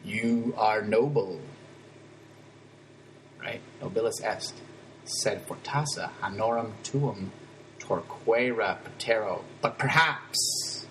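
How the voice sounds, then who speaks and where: A man's voice: fairly low pitch, fairly bright tone, a little hiss or hum, low-quality recording. A man teaching Latin, explaining a text line by line in a casual, conversational way. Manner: casual, conversational, breaks down grammar with quick asides.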